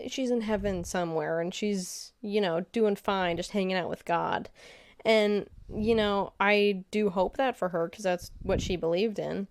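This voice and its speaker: Musing woman podcast co-host. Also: mid-range voice. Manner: reflective, musing, many pauses and "um"s. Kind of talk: casual chat.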